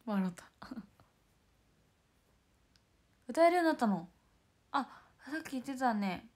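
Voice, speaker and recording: A young woman with a hoarse, worn-out voice, chatting casually on a livestream and thanking fans by name. She slips back and forth between bright greetings and breathy half-whispers. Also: on the high side, animated, slow pace. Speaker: idol livestream host. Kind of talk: casual livestream chat reading fan comments.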